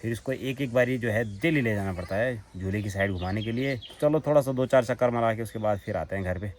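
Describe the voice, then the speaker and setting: A man with a Garhwali accent and a heavy, booming voice, chatting and teasing as he narrates a casual vlog while walking outdoors through a hill village. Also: fast talker. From Uttarakhand, India. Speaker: vlogger. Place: outdoors on a village hillside path.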